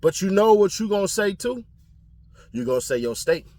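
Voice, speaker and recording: A man from California giving casual commentary on his channel, animated and slangy, often laughing. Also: high voice, normal speed, loud music behind the voice. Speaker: commentary vlogger.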